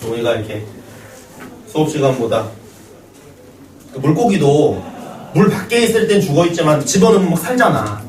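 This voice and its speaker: Male math teacher, slightly high, animated, banters with students, distant roomy sound. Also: fairly quick, long pauses, a little hiss or hum. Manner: joking banter with students, storytelling. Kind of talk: classroom lecture. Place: classroom. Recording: roomy classroom echo, distant mic.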